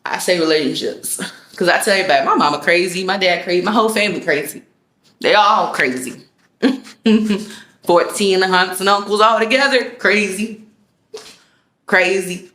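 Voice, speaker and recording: A woman's voice: mid-range voice, moderate pace, long pauses, fairly bright tone, roomy sound. A woman vlogger delivering a casual motivational rant, emphatic and slangy, repeating her phrases for effect.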